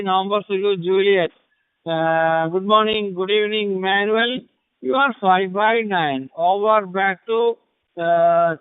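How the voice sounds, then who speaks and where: A man's voice: high voice, clear, resonant tone, dry recording. A man with a South Indian accent making courteous, formulaic ham radio contacts, repeating call signs over the radio. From Kerala, South India. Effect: radio transmission. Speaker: amateur radio operator. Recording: tinny, narrow-band ham radio link.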